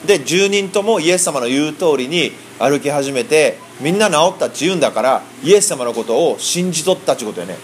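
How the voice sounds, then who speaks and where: A man interpreting a sermon in lively, colloquial speech and acting out the quoted voices. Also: on the high side, fairly quick, hardly any pauses, a little hiss or hum. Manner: animated, acts out quoted voices. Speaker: interpreter for a preacher.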